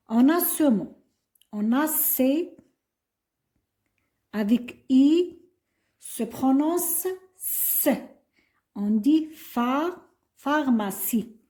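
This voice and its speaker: An older woman, a retired primary school teacher, explains an exam during a classroom lesson in a warm, somewhat high voice. She spells words out letter by letter and blends French with Arabic.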